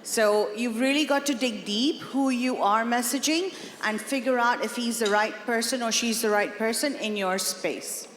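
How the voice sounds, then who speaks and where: A woman's voice: fairly high pitch, normal speed, few pauses, a little hiss or hum. A woman panelist giving confident, emphatic advice on stage at a forum. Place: large conference hall. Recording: echoey hall, long reverb.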